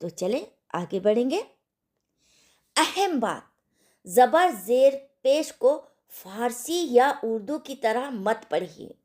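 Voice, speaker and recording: A woman teaching an online recitation lesson, repeating sounds slowly and checking whether her students understood. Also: a little high, expressive, a little mellow. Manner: slow, deliberate, repeats sounds for practice; asks the class if they understood.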